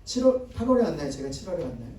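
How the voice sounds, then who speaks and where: In a church sanctuary, heard from far away amid echo, a guest pastor delivers a conversational seminar-style sermon. He speaks in a highish, sing-song, mellow voice at a rapid-fire pace, frequently getting the congregation to repeat after him and reply to his questions.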